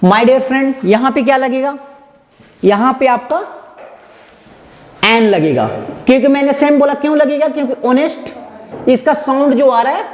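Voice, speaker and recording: A man's voice: extremely high pitch, unhurried, long pauses. A man teaching English grammar, asking his listeners questions and answering them himself while calling them "my dear friend". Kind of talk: explanatory classroom lesson. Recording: echoey hall with faint noise.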